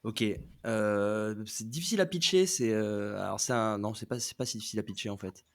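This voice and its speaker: Low-voiced hesitant man in chat. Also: fairly quick, gravelly. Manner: hesitant, many fillers. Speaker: guest. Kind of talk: casual chat.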